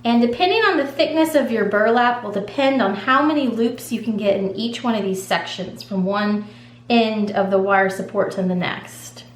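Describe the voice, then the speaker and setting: A woman with a fairly high voice talks viewers through a craft project in a relaxed, chatty way. Her voice rings in an echoey room, with a faint hum underneath. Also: moderate pace. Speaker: craft tutorial host. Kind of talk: casual step-by-step craft demonstration.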